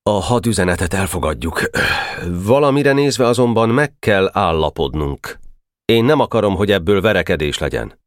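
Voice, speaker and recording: A man's voice: low-pitched, animated, no room sound, studio quality. A man reading an audiobook voices an earnest schoolboy general who gives firm, commanding orders. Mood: formal.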